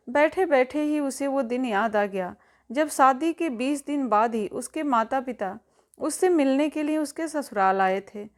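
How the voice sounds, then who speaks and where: A woman telling a family drama as scripted narration, reading evenly and speaking the characters' lines herself. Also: sits high. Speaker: storyteller.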